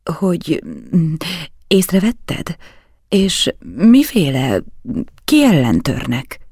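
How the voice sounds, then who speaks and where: Man reading a frightened nobleman lord, gravelly and dry, frantic and whispering in an audiobook. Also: medium pitch, a little mellow, no room sound. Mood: alarmed. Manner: wild swings from eager to frantic to whispering. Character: frightened, desperate nobleman, a powerful margrave. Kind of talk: audiobook character voice.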